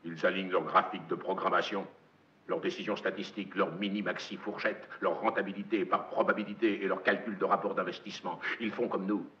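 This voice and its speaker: An actor playing a domineering, messianic corporate magnate in a film monologue, with hammy, theatrical stage declamation and a gravelly voice. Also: male voice, low voice, fairly even intonation, fairly quick, natural voice. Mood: hushed, evangelical. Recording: dull, echoey film soundtrack.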